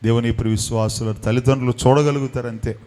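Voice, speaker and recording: A man in his thirties, a pastor preaching a sermon with fervent delivery, often dropping low and soft for emphasis. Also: steady tone, fast talker. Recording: reverberant hall.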